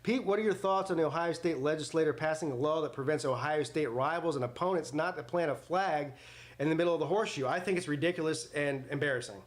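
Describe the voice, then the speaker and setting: A fast-talking man in his forties with a somewhat high voice runs a live sports watch party. His mix of play-by-play and casual chat comes out blunt, joking, and rambling.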